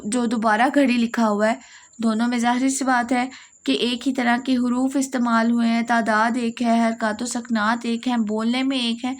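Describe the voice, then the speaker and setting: Higher-pitched woman teaching step by step. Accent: Pakistani Urdu. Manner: explains step by step, repeating key points. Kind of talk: Urdu poetics lesson.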